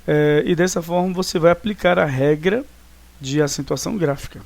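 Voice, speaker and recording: Gravelly Brazilian teacher explaining grammar. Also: male voice, a little high, moderate pace, darkish tone. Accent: Brazilian Portuguese. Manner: explanatory, frequent tag questions. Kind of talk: recorded grammar lesson.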